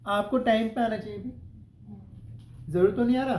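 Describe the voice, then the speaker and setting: A man's voice: sits high, moderate pace, a little mellow, echoey room, slight background noise, poor audio. A male English teacher giving a classroom grammar lesson, asking the class questions and spelling out example sentences word by word.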